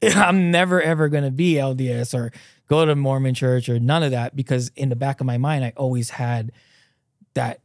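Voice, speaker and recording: A man's voice: mid-range voice, normal speed, no echo. Man, from Hawaii, thirties, loose rambling storyteller, dead dry studio sound. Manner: loose and animated, lots of "like" fillers, gestures while talking. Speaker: guest. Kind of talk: casual conversational storytelling. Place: small dim studio set with a couch. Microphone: boom-mounted podcast mic close up.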